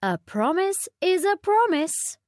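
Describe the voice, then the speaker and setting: A woman voicing a grown-up queen from a storybook, firm and matter-of-fact, read slowly in a dry room. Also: extremely high pitch, sing-song, darkish tone, no room sound, voice pushed up, exaggerated voice. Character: stern grown-up queen, firm about promises.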